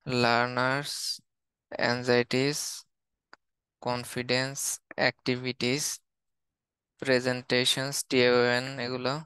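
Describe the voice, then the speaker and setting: Bangladeshi male English teacher, slow flat word-by-word listing, bright crisp close sound. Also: medium pitch, dry recording. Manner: steady, listing words one by one. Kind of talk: reading out a word list in a lesson.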